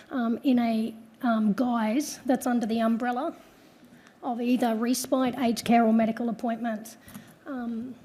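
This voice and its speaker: Hoarse, soft-toned woman giving a presentation. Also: fairly high pitch. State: hoarse from flu. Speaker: lawyer presenting. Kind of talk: prepared presentation.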